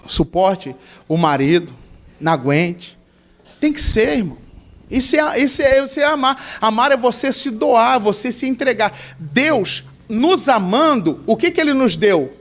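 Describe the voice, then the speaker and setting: A high-voiced male pastor preaching with animated energy. He fires questions at the congregation and slips into little acted scenes. His tone swings from lively to hushed prayer. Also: a little slow. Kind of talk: sermon.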